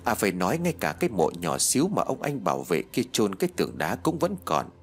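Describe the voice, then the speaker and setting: A man tells a spooky story in the first person, his lowish voice rising and falling with animated swings. He voices the other characters by pushing his pitch up. Faint music plays under his narration. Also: fast talker. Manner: lively, voicing dialogue with higher pitch. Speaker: audiobook narrator.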